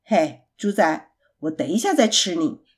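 A woman voicing a big, greedy, hungry male monster who speaks slowly and gruffly. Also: fairly low pitch, very animated, pitched below the performer's own voice, exaggerated voice. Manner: slow gruff demanding.

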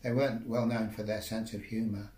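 A man's voice: on the low side, level tone, fairly quick, a little mellow. A man reading surreal micro-fiction aloud in a wry, rambling, dreamlike way. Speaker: storyteller. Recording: roomy echo.

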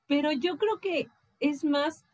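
A woman with a Mexican accent chatting casually as a podcast guest, animated and acting out quoted voices. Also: high-pitched, takes it slowly, no echo, lo-fi sound.

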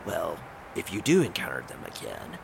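A man voicing a sly male wizard in a tabletop game, speaking in a drawling, gravelly manner with coy hints. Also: low-pitched, wildly swooping pitch, normal speed, background noise, exaggerated voice.

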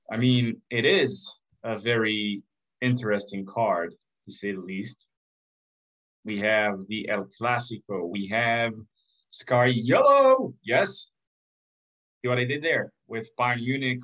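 A man's voice: on the low side, steady tone, unhurried, fairly bright tone, low-quality recording. A man hosting a basketball podcast, chatting casually and joking as he runs through lists of teams. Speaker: podcast host. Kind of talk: casual sports chat.

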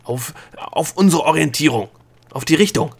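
A man doing a gruff grumpy gnome nightmare. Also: on the high side, expressive, moderate pace, pitched above the performer's own voice, heavily acted. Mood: snappish. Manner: gruff, snapping, impatient. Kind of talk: audiobook character voice.

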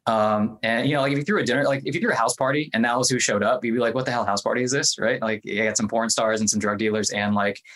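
A man from the US Midwest, a podcast guest, talking in a relaxed, chatty way with many fillers. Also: medium pitch, fast, few pauses, low-quality recording. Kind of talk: casual interview talk.

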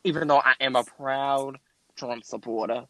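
A man's voice: mid-range voice, steady tone, normal speed, sharp tone, no echo, lightly acted. Man doing a campy Southern "baby" twin. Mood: smug. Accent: put-on Southern US. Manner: teasing, over-the-top camp delivery. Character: campy Southern adult twin, calls everyone baby, brash conservative. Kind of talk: improvised comedy skit.

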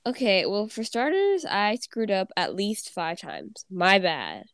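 A woman's voice: medium pitch, very animated, slow, fairly bright tone, clear, resonant tone, no echo, clean studio sound. A teenage girl with a congested cold voice, chatting and giggling as a podcast co-host. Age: teens. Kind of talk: casual chat.

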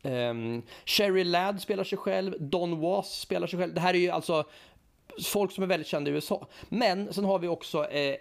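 A man's voice: high-pitched, gravelly. A man co-hosting a podcast, chatting casually about a film and rattling off long lists of names, correcting himself as he goes. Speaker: podcast co-host.

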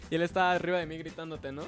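A young man with a Mexican Spanish accent, chatting casually in a slangy, swearing, animated way. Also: fairly high pitch. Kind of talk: casual chat.

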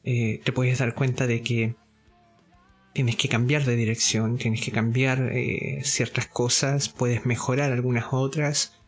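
Male course teacher, mid pitch, unhurried, hesitant explainer who keeps checking in, faint music underneath. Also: flat delivery. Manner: deliberate, explaining step by step with frequent checks for understanding; hesitant fillers and self-repeats. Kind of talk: spoken lesson.

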